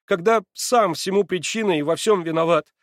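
A man voicing a fervent young man, pitched up. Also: normal speed, dry recording, clean studio sound, natural voice. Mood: pleading. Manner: heated, excitable, swearing oaths. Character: ardent young man, pleading and eager.

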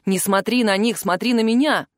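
A woman's voice: mid-range voice, normal speed, no room sound, studio quality, natural voice. A woman reading the lines of a brave young male student fire mage in an audiobook, urgent and encouraging.

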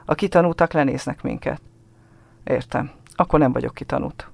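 A man's voice: medium pitch, gravelly, no echo. A man reading a story aloud, voicing a shy, tearful little village boy who talks earnestly in a dialect-tinged, childlike way. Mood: eager. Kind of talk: literary reading.

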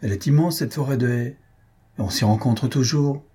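A man reading aloud, voicing a spiteful gentleman making sly insinuations. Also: medium pitch, moderate pace, husky, pitched above the performer's own voice.

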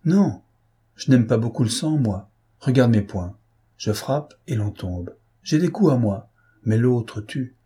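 A man's voice: medium pitch, expressive, a little slow, warm tone, breathy edge. A man voicing a menacing, brutal baron who presses his rival with threats. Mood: grim. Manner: threatening, insistent.

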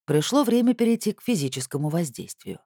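A man narrating an audiobook in a steady, scripted storytelling voice with dramatic emphasis. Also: fairly high pitch, a little fast, gravelly, dry recording, clean studio sound.

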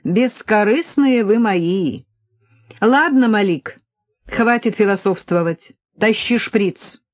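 A woman's voice: on the high side, lively intonation, unhurried, a little mellow, dry recording, lo-fi sound, voice pushed up. A woman voicing a cheerful, commanding young man with a teasing manner in an audiobook. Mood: bossy. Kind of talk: audiobook reading.

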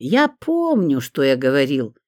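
A reader voicing a gruff, teasing older male boss who gives orders in jest, with lively pitch in a dry recording. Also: moderate pace, dry recording. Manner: bossy, teasing, commanding.

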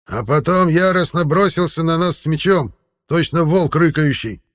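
A man reading an audiobook puts on an ancient fairy elder with a creaky, grinding voice. He pitches it high and strained, and it sounds stern and accusing. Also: moderate pace, no room sound, clean studio sound, natural voice. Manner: sing-song when promising.

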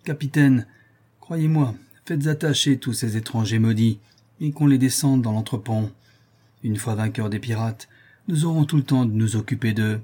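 A man's voice: mid-range voice, moderate pace, mellow, close to an everyday voice. A man voicing a stern, powerful ship's master accusing a traitor in a storybook reading.

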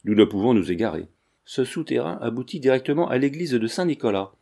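Young princess in danger, urgent, pleading, man reader's voice, mellow tone. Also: medium pitch, animated, brisk, creaky. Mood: earnest. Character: young noble princess fleeing in fear.

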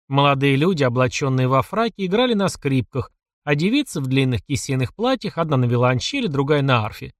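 Expressive male audiobook narrator. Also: medium pitch, a little fast, no echo, clean studio sound. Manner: expressive storytelling. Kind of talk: scripted narration.

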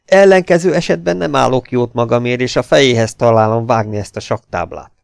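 A man reading aloud, voicing a stocky, hot-tempered older sailor who bursts out in rough, indignant shouts. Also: medium pitch, dry recording, clean studio sound, lightly acted. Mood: angry.

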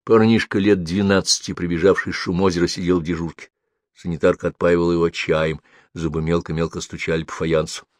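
Low guy reading an audiobook, steady, dry close mic. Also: fairly quick, no room sound. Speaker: audiobook narrator. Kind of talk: scripted narration.

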